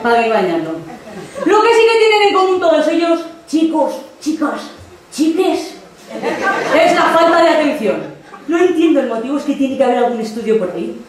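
Young spanish woman doing stand-up, sarcastic and animated, high voice, echoey hall, mic far off. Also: moderate pace, slight background noise. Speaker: youth group monitor doing a monologue. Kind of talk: stand-up comedy monologue. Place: theatre stage with live audience.

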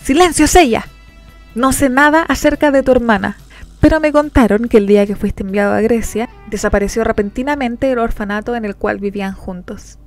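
A woman voicing a commanding, cold young girl who gives stern orders in a storybook reading, her tone a bit gravelly. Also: mid-range voice, a little fast, hardly any pauses, darkish tone, soft background music, close to an everyday voice.

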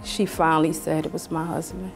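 A woman in her fifties speaking quietly and haltingly in an emotional TV interview. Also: low voice, little pitch movement, gravelly, music in the background. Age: 50s.

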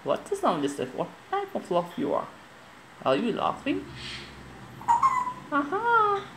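A woman coaxing her parrot to talk, repeating short prompts slowly. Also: fairly low pitch, huge pitch swings, gravelly. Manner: slow, repetitive prompting. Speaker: pet owner. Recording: loud background noise, home video.

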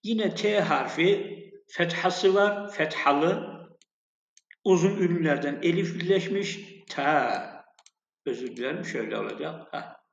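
A man teaching an Arabic lesson, slowly and patiently spelling out letters and vowel sounds for his students. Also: fairly high pitch, creaky. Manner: slow, patient, repeats sounds and addresses students as friends. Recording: echoey, dull lo-fi room sound.

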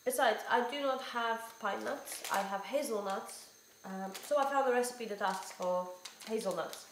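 Recorded on a camera mic held close by hand and later on a fixed camera, this woman in her thirties vlogs about homesteading, moving from woodland outdoors to her home kitchen. She talks casually at a moderate pace in a voice on the high side, giggling and musing aloud, over slight background noise in a low-quality recording.

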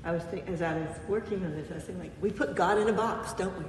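A woman pastor preaches a gentle, unhurried sermon, pausing often between phrases. Her voice sits a little low and carries a long reverb, as though caught by a mic set well back in a church sanctuary. A faint hum of the room lingers behind her. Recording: echoey church, mic far off.

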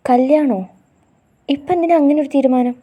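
A woman voicing a young male auto driver who speaks quietly and tenderly to his girlfriend. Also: medium pitch, moderate pace, husky, close to an everyday voice. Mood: worried. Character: gentle young man, auto driver, protective lover.

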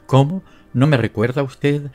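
A man reading the part of a polite gentleman who insists he knows the couple, in an audiobook. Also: medium pitch, a little slow, soft background music, natural voice. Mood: puzzled. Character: insistent male acquaintance, puzzled.

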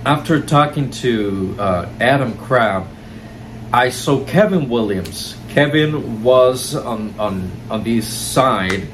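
A young Cuban man hosting a show sits on a couch indoors and tells a story to the camera, effusive, enthusiastic and lavish with praise. His medium-pitched voice goes slowly. The recording is low quality, with steady background noise.

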